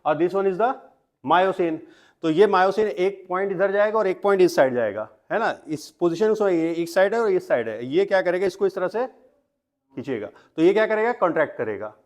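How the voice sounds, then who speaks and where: High-voiced male teacher lecturing a class. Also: expressive, normal speed, a little mellow. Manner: asks the class questions and answers them himself; mixes Hindi with English terms. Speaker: biology teacher. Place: classroom with students.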